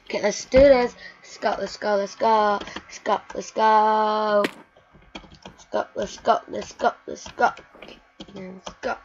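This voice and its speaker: A woman giving live gameplay commentary, excitable and talking to herself, chanting the same words over and over. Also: medium pitch, slow pace, pauses often. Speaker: gaming channel host. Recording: dull lo-fi mic with faint hiss.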